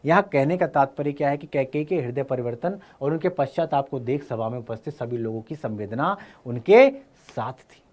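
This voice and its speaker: A male teacher explaining a Hindi poem to students, reciting verse lines slowly and then explaining them in casual speech. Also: mid-range voice, lively intonation, a little mellow. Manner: uses fillers like "है ना" and "clear है".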